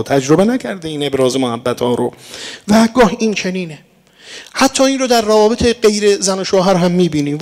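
A man's voice: fairly high pitch, darkish tone. A man preaching a sermon in a teaching manner, speaking to his listeners as dear friends and reciting verse along the way. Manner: explanatory, addresses listeners as dear ones, recites verse and Arabic.

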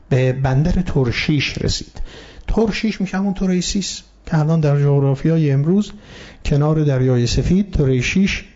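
A man's voice: medium pitch, mellow. A man preaching a sermon, explaining step by step and addressing his listeners politely, with Arabic verses recited in between. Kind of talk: sermon on Quranic story. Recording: muffled lo-fi recording.

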